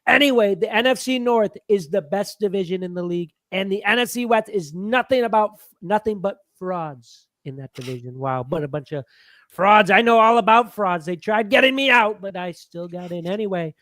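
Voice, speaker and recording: A man's voice: high-pitched, normal speed, fairly bright tone, no echo, voice pushed up. A man doing a put-on voice to read out a viewer's boastful comment on a sports talk stream. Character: brash hyped-up man reading a viewer comment.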